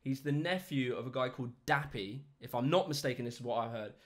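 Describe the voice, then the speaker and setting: A man's voice: mid-range voice, fast. A young British man hosting a casual chat, telling stories with lots of laughter. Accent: British English. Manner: animated storyteller, laughs often, does mock voices. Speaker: host.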